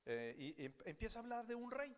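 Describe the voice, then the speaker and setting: A man's voice: high voice, fast, long reverb tail. A man preaching a sermon as pastor, switching between Spanish and English and repeating each point, often asking the congregation questions. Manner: animated, asks the congregation questions. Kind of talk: bilingual sermon, preaching and self-translating. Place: church sanctuary.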